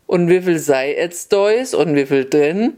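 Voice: medium pitch, expressive, unhurried, dark tone, natural voice. Storyteller as a stern official woman, scolding, plain everyday voice.

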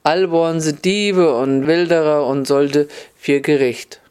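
A man's voice: a little high, measured pace, darkish tone, clean tone. A man reading a fairy tale aloud, telling it in a folksy way with dialect words. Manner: folksy, mixes dialect into the narration. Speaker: storyteller.

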